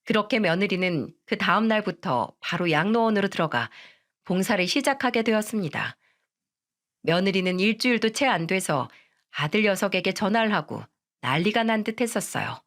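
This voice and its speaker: A woman narrating a family story in the first person, in a measured, solemn tone. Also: medium pitch, lively intonation, a bit bright.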